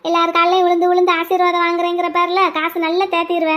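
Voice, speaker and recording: Old grandmother figure voiced by a woman, doting, sharp-tongued, unhurried. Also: extremely high pitch, monotone. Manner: slow, scolding, doting.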